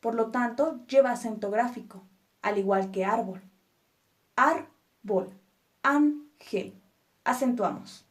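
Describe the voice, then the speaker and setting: A woman teaching a spoken lesson, patiently breaking words into syllables and reassuring viewers with quick rhetorical questions. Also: fairly high pitch, a little mellow. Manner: patient, stresses syllables one by one.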